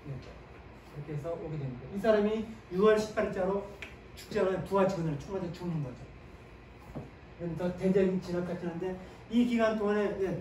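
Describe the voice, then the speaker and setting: Male history lecturer, high voice, question-and-answer teaching manner, distant mic in a reverberant classroom. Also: darkish tone. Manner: asks the class questions and answers them himself; sprinkles short "네" affirmations while explaining. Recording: echoey room, mic at a distance, faint ambient noise.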